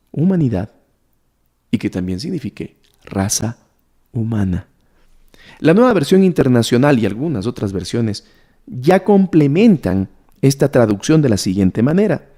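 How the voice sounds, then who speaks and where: A man delivers a sermon-style Bible lesson in a warm, dark voice that sits at an ordinary pitch. He teaches by questioning his audience and returning again and again to the same words. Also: sing-song, moderate pace, long pauses. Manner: asks the listeners questions and repeats key words.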